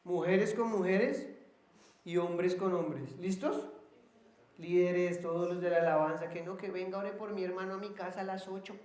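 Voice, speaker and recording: A man's voice: high-pitched, level tone, normal speed, a little mellow, a little hiss or hum. A male pastor preaching a sermon, joking and acting out little scenes, and having the congregation repeat lines after him. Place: church. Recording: echoey church hall.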